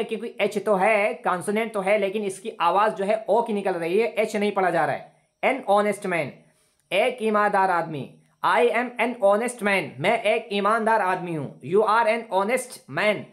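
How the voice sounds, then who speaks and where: A man teaching an online English class over a video call, explaining patiently, repeating points and stretching out example sentences slowly. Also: high voice, a bit bright.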